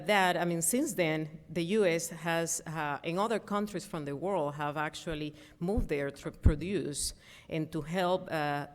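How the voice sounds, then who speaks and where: Conference speaker: low-pitched, middle-aged woman, earnest and hesitant with many fillers. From Venezuela. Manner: earnest, frequent ums and uhs, restarts. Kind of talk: prepared conference talk.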